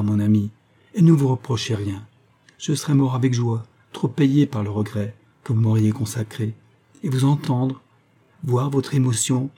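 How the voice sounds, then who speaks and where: A man's voice: mid-range voice, mellow, breathy edge. A man reading aloud, voicing a feverish, devoted young hero who speaks with exaltation. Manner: fervent, exalted.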